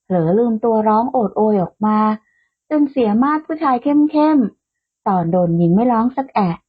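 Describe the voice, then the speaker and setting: Husky woman narrating a romance story. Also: a little high, animated, moderate pace. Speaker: audiobook narrator and channel host. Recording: tinny phone-like sound.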